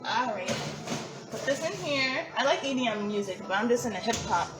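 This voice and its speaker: A cooking vlogger from New Jersey, with a New Jersey accent, demonstrates a recipe in her home kitchen, chatting playfully and giggling along the way. Her voice is on the high side, animated and fairly quick, with loud hip hop and EDM music playing behind her.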